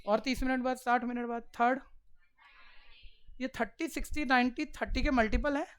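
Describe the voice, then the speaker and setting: A man teaching maths to a class, coaxing the pupils along with quick direct questions. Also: very high-pitched, fairly even intonation, fairly bright tone, clear, resonant tone. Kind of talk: classroom lecture.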